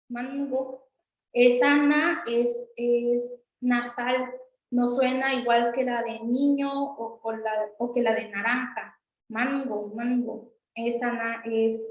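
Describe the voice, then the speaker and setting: In an online class, a Sanskrit teacher patiently explains the basics of the language and repeats example words. Her voice sits high, and the poor audio carries the echo of the room.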